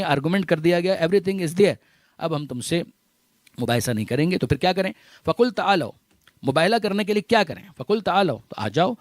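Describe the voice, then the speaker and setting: A male cleric lectures in a raised, fairly high voice, drilling each point through repetition. He recites Arabic verses and addresses the listeners as dear brothers. The recording is dry and close. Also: no echo. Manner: repeats phrases for emphasis, recites Arabic verses; mixes English words into speech. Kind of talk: religious lecture.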